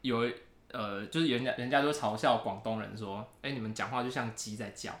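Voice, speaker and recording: A man with a Taiwanese Mandarin accent co-hosts a loose, casual podcast. He sets up joke quiz questions like a storyteller, and his voice comes across bright and forward. The recording has a roomy echo from an unfamiliar space. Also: mid-range voice, a little fast. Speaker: podcast co-host.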